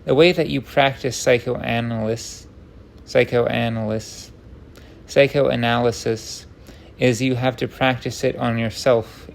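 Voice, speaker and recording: Casting: man, creaky gravelly voice, fairly flat delivery, wry and self-deprecating, rambling off-the-cuff rant, some background noise. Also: medium pitch. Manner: rambling, tangent-prone rant, self-interrupting. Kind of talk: unscripted rambling monologue.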